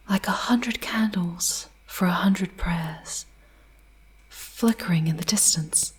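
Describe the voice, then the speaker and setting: Woman voicing Lilith, a breathy, low-voiced demoness. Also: a little mellow, full character voice. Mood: dreamy, tender. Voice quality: breathy, whispery. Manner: slow, poetic, formal diction. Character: charming female demon Lilith, wistful, eloquent, tender guide. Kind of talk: ASMR roleplay, soft theatrical narration.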